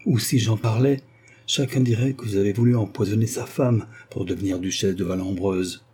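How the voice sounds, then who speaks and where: A man's voice: on the low side, moderate pace, dark tone, breathy edge. Man reading an earnest young lawyer. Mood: grave. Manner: urgent, pleading.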